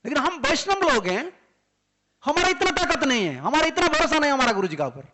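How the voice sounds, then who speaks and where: Man, swami, devotional sermon, emphatic, rhetorical questions, high voice. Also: very animated, fairly quick, heavy background noise. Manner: emphatic, rhetorical questions, mixes in English words. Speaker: swami giving a lecture.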